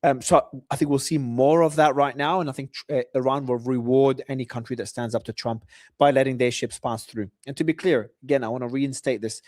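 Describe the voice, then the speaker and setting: A man's voice: medium pitch, steady tone, fairly quick, a little mellow, no echo, clean studio sound. A man hosting a live talk show, reading out news updates and giving his own predictions. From Australia. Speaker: host.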